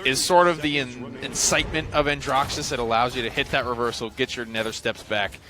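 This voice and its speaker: Bright-voiced male esports caster. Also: medium pitch, fairly even intonation, slight background noise. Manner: analytical, chatty, quick bursts of speech. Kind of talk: esports play-by-play commentary.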